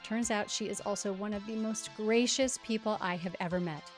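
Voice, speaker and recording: A woman's voice: medium pitch, normal speed. Emphatic woman podcast host over music. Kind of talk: scripted podcast introduction.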